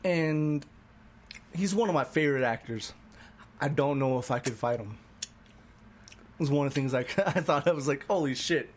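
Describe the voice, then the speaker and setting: A man's voice: a little high, normal speed, pauses often. A tipsy man co-hosting a casual podcast chat, rambling and chuckling as he talks and swearing freely. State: tipsy from drinking. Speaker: podcast co-host; musician.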